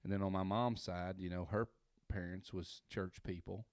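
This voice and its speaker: A man's voice: deep voice, steady tone, normal speed, a little mellow, no echo, clean studio sound. A man, a pastor talking in an easygoing, rambling way with many fillers, in casual conversation. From South Central Kentucky. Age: 30s. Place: indoor room by a window.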